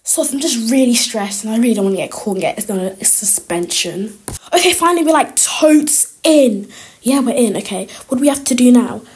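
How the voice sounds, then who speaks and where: A woman voicing chatty teen schoolgirls sneaking into a school, talking quickly with lots of fillers. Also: on the high side, animated, a little mellow, pitched below the performer's own voice, natural voice. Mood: giddy. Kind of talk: toy-game roleplay voiceover.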